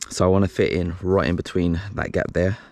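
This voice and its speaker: A man with a low voice speaks a little fast with a flat, slightly mellow delivery while hosting a DIY video outdoors beside a concrete wall. He talks casually, thinking out loud as he works through a hands-on installation.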